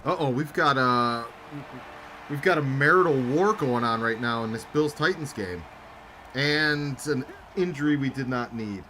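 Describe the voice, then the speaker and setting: A man's voice: medium pitch, expressive, measured pace, pushed and bright, slight background noise. A young man co-hosting a game-sim stream, chatting casually and rambling through anecdotes while reading chat aloud. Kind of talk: casual chat over a simulated football game.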